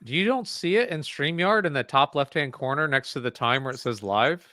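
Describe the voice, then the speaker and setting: A man's voice: a little high, lively intonation, normal speed, pushed and bright, no echo. A man co-hosting a casual hockey watch-party podcast, trading upbeat banter. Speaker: podcast co-host.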